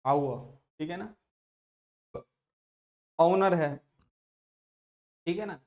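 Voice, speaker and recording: A man with a Rajasthani accent teaching an English lesson, slowly repeating words and drawing out their pronunciation. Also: on the high side, darkish tone. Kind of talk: classroom lesson.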